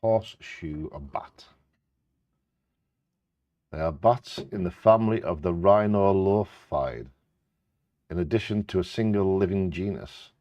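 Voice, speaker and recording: A man with a low voice co-hosts a live bingo game in a close, dry recording. He reads facts aloud casually, adding short asides and tripping over difficult names. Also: a little mellow, no room sound. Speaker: co-host reading out animal facts.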